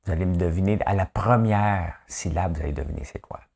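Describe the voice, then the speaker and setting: Here a man with a low, darkish voice and noticeable vocal fry talks a little fast. He hosts a daily news show in Québécois-accented French, keeping things casual, joking and rambling with many side remarks.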